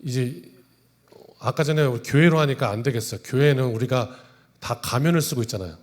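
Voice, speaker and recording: A man's voice: mid-range voice, fairly quick. A male pastor preaching a sermon in a church, talking conversationally and joking with the congregation through role-play. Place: church sanctuary.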